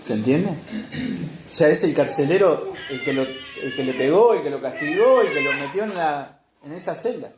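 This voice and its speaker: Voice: medium pitch, animated, normal speed, reverberant, noisy background. A preacher with an Argentine Spanish accent, telling a Bible story in a sermon and putting rhetorical questions to the congregation. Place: church.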